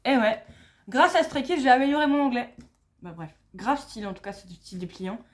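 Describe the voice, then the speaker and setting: A young woman chatting casually and using slang while she unboxes an album, reading English text slowly, recorded on a phone at home. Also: a little high, lively intonation. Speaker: unboxing vlogger.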